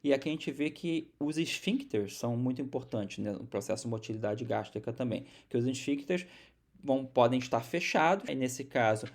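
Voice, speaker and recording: A man's voice: medium pitch, animated, normal speed. A man from Brazil giving a recorded university biology lecture, explaining step by step with many restarts and repeated words.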